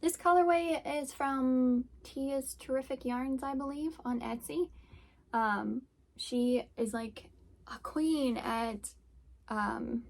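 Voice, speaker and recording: A young woman with a somewhat high voice and a crackly, fried edge chats casually on her crafting podcast. She rambles easily, full of "like" and "um", as she talks through her projects. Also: takes it slowly, vocal fry, darkish tone. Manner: chatty, rambling with many fillers. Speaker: podcast host and yarn dyer. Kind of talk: casual chat.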